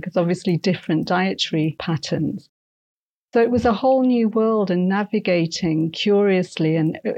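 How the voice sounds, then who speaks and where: A woman's voice: medium pitch, darkish tone. A woman from northwest England, a podcast guest, who tells her story in an enthusiastic, reflective way. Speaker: guest, insights specialist and coach. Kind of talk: podcast interview.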